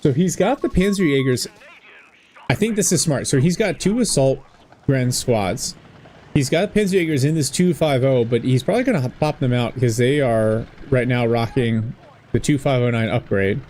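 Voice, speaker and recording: A man casting a strategy game in a relaxed, chatty way, laughing often and slipping into jokey voices. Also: medium pitch, normal speed, a little hiss or hum. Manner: laughs often, drops into a mock German voice. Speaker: game caster. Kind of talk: casual game commentary.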